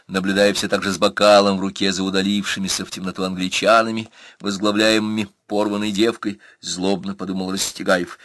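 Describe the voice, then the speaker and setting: A man reading an audiobook aloud, narrating steadily and acting out the characters' lines with a raised, louder voice. He reads into a close studio mic. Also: sits low, little pitch movement, fairly quick, hardly any pauses, dry recording.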